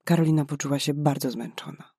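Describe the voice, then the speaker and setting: A man narrating a novel in a measured, dramatic way. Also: fairly high pitch, gravelly, mellow, husky, no room sound, studio quality. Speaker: audiobook narrator. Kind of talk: scripted narration.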